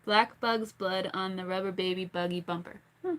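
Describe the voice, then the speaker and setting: Her voice is mid-range and a bit bright, with fairly even intonation and normal speed. She's a giggly, chatty livestream host who reads comments, tries tongue twisters, and sings between casual chat.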